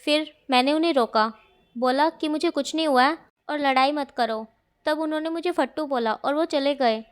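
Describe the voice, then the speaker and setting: A woman voicing a calm, stern young male student who speaks firmly and scolds his friend. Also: high-pitched, normal speed, lightly acted. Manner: firm, scolding.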